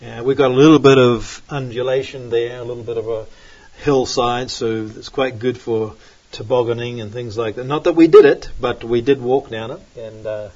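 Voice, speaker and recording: New pastor guy chatting slow and rambly, husky voice, kinda dull lo-fi sound. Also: medium pitch, fairly even intonation, darkish tone. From New Zealand. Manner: rambling, hesitant, many fillers. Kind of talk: relaxed sermon chat and prayer. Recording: dull lo-fi recording.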